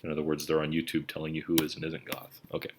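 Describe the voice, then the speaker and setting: A writing instructor talks through his notes in a casual, self-correcting way, thinking aloud as he types. His voice sits very low with a gravelly fry. The recording carries clear background noise and the clatter of typing. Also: monotone, quick pace. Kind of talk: screencast lecture. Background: keyboard typing and clicks.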